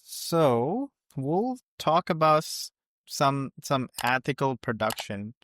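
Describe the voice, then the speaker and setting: A man hosting a podcast who asks questions haltingly, restarting words and using loose, non-native phrasing. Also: medium pitch, very animated, a bit bright, no echo. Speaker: podcast host. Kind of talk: interview questions.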